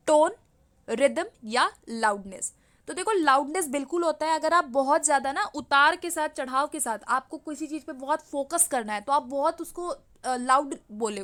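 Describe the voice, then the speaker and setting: High, bright-voiced woman teacher. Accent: Indian English. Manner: reads questions slowly, then explains in quick Hindi-English mix with frequent "ठीक है?". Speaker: exam-prep teacher. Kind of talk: explaining test questions.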